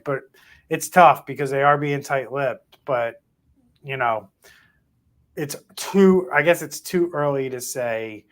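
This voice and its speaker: Male podcast host, mid-pitched, conversational, animated, restarts a lot. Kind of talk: casual cybersecurity discussion.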